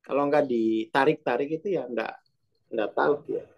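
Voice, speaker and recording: A man leads a self-development session over a video call, his voice sitting in a middle pitch. He talks loosely and colloquially, rambling from point to point like an easygoing teacher chatting with his group. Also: moderate pace, dull audio.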